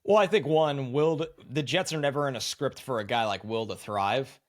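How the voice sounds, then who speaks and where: A man's voice: medium pitch, normal speed, dry recording, studio quality. A man co-hosting a sports podcast, breaking down plays in long, analytical run-on explanations. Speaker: podcast co-host. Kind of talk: casual sports analysis chat.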